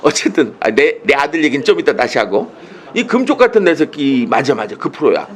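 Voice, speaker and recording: Playful, lively male humor lecturer. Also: a little high, fairly quick. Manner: playful, teasing storyteller who acts out quotes. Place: indoors, speaking to a monitor. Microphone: video call.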